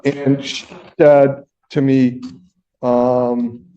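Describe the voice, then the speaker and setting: A man's voice: mid-range voice, little pitch movement, warm tone, lo-fi sound, slight background noise. A man working as defense attorney, arguing formally before the judge and reading from case documents, heard through a courtroom recording. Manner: formal, measured, addresses the judge. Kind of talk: courtroom argument.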